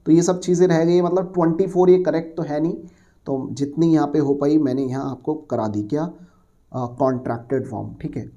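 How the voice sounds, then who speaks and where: A man teaching an exam-prep grammar lesson in a mellow, slightly high voice. He explains patiently, asks the class questions and then answers them himself. He mixes English words and phrases into his talk. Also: a little fast, muffled recording.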